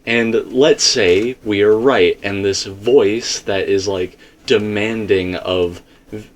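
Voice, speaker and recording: Leading a casual talk about theories, a man with a slightly low voice rambles yet stays emphatic, like a host making his case. His tone is steady and he takes his time.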